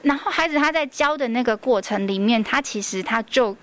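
A woman's voice: fairly high pitch, expressive, brisk, a bit bright. A woman with a Taiwanese Mandarin accent, a preschool teacher guest on a radio interview, telling stories earnestly with many fillers.

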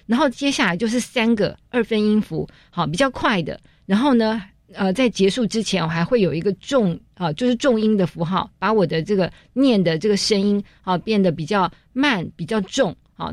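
A woman with a Taiwanese Mandarin accent, a preschool teacher on the radio. She presents a picture book in a patient, explanatory way and softens her phrases with tag particles. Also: medium pitch, dry recording, studio quality.

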